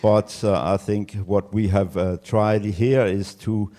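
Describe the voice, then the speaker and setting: A farmer from Denmark speaks at a conference in a voice. He talks very slowly and halts often on fillers and restarts. His voice sits low and mellow. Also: fairly even intonation. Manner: hesitant, many fillers and restarts. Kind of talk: conference presentation. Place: conference room.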